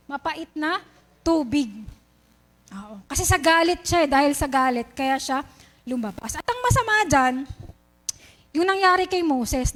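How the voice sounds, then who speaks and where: High-voiced Filipina woman preaching. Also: a bit bright. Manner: asks the congregation questions, storytelling. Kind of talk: sermon. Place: church.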